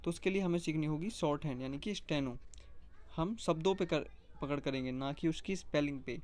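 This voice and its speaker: A teacher explaining a lesson step by step, speaking directly to the viewer and slowly repeating letter sounds one at a time. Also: mid-range voice, a little mellow. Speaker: shorthand teacher.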